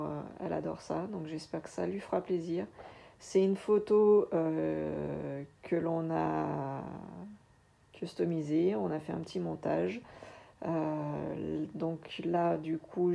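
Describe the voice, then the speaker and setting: A woman chatting casually through a craft unboxing, hesitant with many filler pauses. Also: deep voice, gravelly, mellow. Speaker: diamond painting vlogger.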